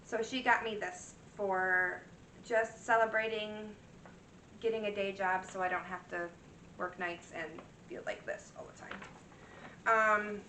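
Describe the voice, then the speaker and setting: In a relaxed show-and-tell, a woman in her thirties walks through her cross-stitch projects, rambling with plenty of fillers and restarts. Her mid-range voice is bright and forceful yet a little worn. An echoey room, a distant mic and a little hiss or hum mark the recording.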